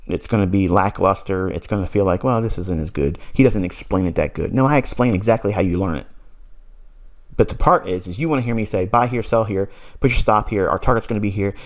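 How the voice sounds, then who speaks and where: A man in his forties giving a recorded trading mentorship lesson, blunt and insistent, repeating points and laughing briefly. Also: on the low side. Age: 40s. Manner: blunt, insistent, lecturing with repetition and short laughs.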